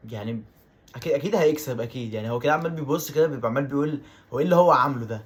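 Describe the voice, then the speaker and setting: A man with an Egyptian Arabic accent giving excitable let's-play commentary on a football video game, repeating his exclamations over and over. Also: medium pitch, rapid-fire, slight background noise. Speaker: gaming YouTuber.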